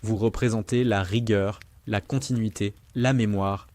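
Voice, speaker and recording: A man's voice: lowish voice, fairly even intonation, a little mellow, lightly acted. A grave old general, read by a male narrator. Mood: solemn. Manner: grave, measured delivery.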